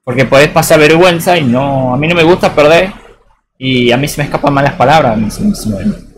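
His voice sits on the high side and runs a little fast, with some hiss or hum in the recording. The speaker, a man with a Tucumán Argentine accent, rambles loosely during a live game stream, using lots of slang and plenty of "boludo."

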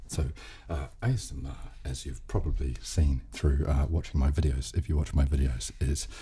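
A man in his thirties hosts an ASMR video from a small indoor room, seated at a table and speaking into a close studio microphone. His very deep voice is soft and hushed, turning to a breathy whisper at times, as he gives casual instructions gently and hesitantly at a normal pace.

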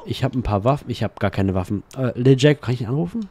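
A man hosting a let's play, giving casual gameplay commentary in an excitable way, swearing and laughing at the game. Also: mid-range voice, fast.

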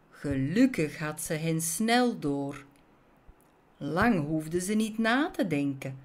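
Slow, melodic woman reading a children's story. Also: lowish voice, a little mellow.

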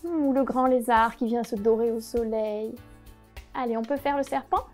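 A young woman, a yoga teacher, guiding a children's class with gentle, encouraging, playful instructions. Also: on the high side, steady tone, moderate pace, faint music behind.

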